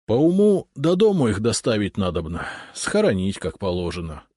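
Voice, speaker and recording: A man voicing a talkative, rustic Cossack sergeant in dialect-heavy, raised-pitch speech. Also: huge pitch swings, moderate pace, dark tone, no room sound, clean studio sound. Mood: plaintive.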